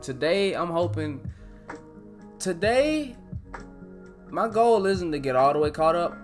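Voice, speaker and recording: Excitable young man chatting on stream. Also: a little high, takes it slowly, faint music behind. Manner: animated, excitable, swears freely, says "bro" often. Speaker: live-stream host reacting to manga. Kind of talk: casual live-stream chat.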